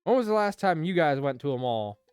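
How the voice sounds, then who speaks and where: Game streamer, let's play commentary, rambling asides, lively pitch, faint game music. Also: fairly quick, clear, resonant tone, no echo, studio quality. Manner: rambling, chatty asides with laughs. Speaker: streamer playing a dating game.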